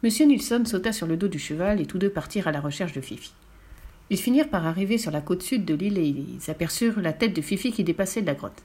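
A woman narrating a children's storybook in a clear, expressive reading voice. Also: on the low side, quick pace. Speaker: audiobook reader.

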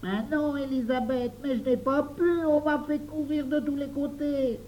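A man's voice: very high voice, fairly even intonation, moderate pace, dull audio, a little hiss or hum, voice pushed up. A man voicing an earnest young boy who keeps getting sent on errands in a read-aloud storybook. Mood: flustered. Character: eager, obliging young boy errand-runner.

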